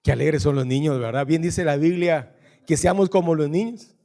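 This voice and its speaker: A man with a Guatemalan Spanish accent preaching a sermon as pastor in a church, reading scripture lists slowly and joking with the congregation. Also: on the high side, warm tone. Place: church hall.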